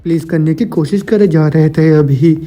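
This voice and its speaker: A man's voice: on the high side, moderate pace, dark tone, faint music behind, close to an everyday voice. A man voicing a nosy male drinking buddy. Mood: curious.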